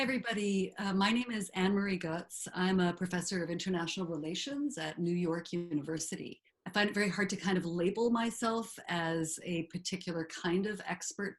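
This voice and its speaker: Woman academic guest, lowish voice, friendly and articulate. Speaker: professor and podcast guest. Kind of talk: podcast introduction.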